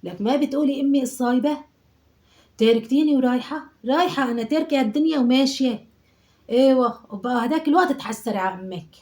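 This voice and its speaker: A woman's voice: medium pitch, fast, pauses often, warm tone, close to an everyday voice. A woman voicing a chatty, nagging older mother in her sixties from Aleppo, with an Aleppo Syrian Arabic accent, scolding and muttering prayers. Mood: fussing. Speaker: sketch performer. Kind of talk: comic monologue sketch.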